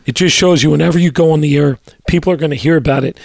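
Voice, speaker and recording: A middle-aged man co-hosting a sports radio show, his voice hoarse and raspy today. He talks in measured phrases full of fillers and restarts, in a slightly higher register. The sound is dry and close. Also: fairly even intonation, dry recording. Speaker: co-host, doctor.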